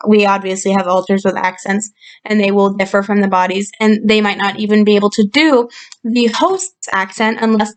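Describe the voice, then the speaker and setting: Woman explaining calmly into a computer mic. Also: mid-range voice. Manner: explanatory, calm, with frequent fillers. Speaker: channel host reviewing a story. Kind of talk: reading a story aloud with casual commentary. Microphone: built-in computer microphone.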